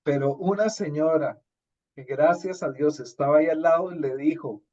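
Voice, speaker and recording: A man gives a teaching presentation on language class methods, explaining patiently with examples. His voice sits a little high. The recording sounds somewhat dull and lo-fi. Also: normal speed, dark tone. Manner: explanatory, illustrates with examples and anecdotes. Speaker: Spanish teacher.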